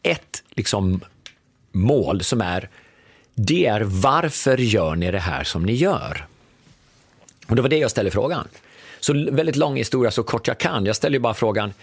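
A fairly low, husky male voice with no room sound belongs to a guest in his fifties, formerly a business consultant. Telling a story in conversation, he gets animated and acts out what people said.

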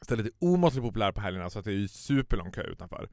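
A man, telling an animated story in a casual podcast chat and mixing in English phrases. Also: fairly low pitch, no room sound, studio quality. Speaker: podcast co-host.

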